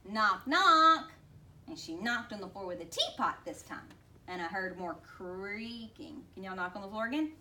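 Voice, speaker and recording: A woman telling a picture-book story aloud to listeners, expressive and playful. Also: mid-range voice, moderate pace. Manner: expressive, with lots of vocal play. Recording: distant mic, faint background noise.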